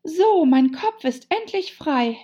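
A woman's voice: on the high side, big pitch swings, measured pace, creaky, mellow, slightly rough, pitched above the performer's own voice, exaggerated voice. A woman voicing a bewildered, indignant little girl, on a dull lo-fi recording. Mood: earnest, flustered. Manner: indignant, truthful.

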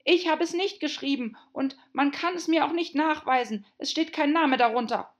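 A defensive young knave pleading his innocence in a storybook, voiced by a woman. His voice is pitched high and urgent. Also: moderate pace, dull audio, close to an everyday voice.

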